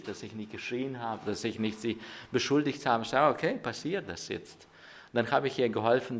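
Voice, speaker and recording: High, lively-voiced male pastor preaching. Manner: storytelling, with hesitant fillers and restarts. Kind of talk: sermon.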